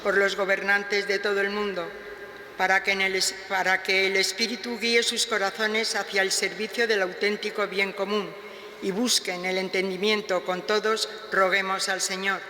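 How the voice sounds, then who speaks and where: A man's voice: high-pitched, level tone, normal speed, bright, forceful tone, slight background noise. A man reading prayers of intercession at Mass in a formal, solemn recitation, echoing through a large church. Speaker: lay reader of the prayers of the faithful. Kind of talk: read liturgical intercessions. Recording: echoey church with long reverb.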